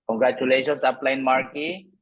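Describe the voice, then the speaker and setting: A man in his thirties hosts a live online sales training, upbeat and chatty, often tacking a quick "no?" onto his sentences. His voice is medium-pitched and steady, captured through an online meeting microphone in a rough recording.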